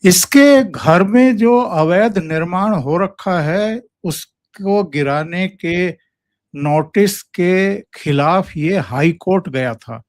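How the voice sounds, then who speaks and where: A man hosting a political discussion show, asking in a measured, deliberate way. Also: high voice, dry recording, studio quality. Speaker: show host.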